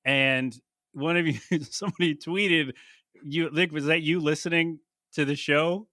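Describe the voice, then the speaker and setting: A male podcast host with a bright, slightly high voice, joking and teasing his guests through a casual interview. The sound is dry and close to the mic. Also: fairly even intonation, unhurried, no room sound. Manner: jokey, teasing, laughs often.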